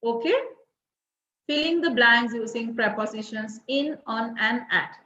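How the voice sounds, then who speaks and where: Slow Sri woman teaching, roomy sound. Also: fairly high pitch, sharp tone. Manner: keeps checking in with "right?" and "okay?". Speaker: English teacher. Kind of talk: recorded grade-six revision lesson. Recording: roomy, dull lo-fi recording.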